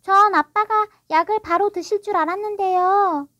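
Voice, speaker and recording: A woman's voice: very high-pitched, moderate pace, pushed and bright, dry recording, muffled recording, voice pushed up. A woman voicing an eager, helpful young girl who talks earnestly.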